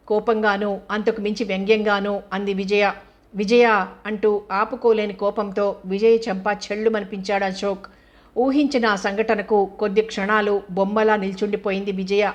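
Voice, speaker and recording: A woman narrating an audio novel in a steady, scripted storytelling manner. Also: mid-range voice.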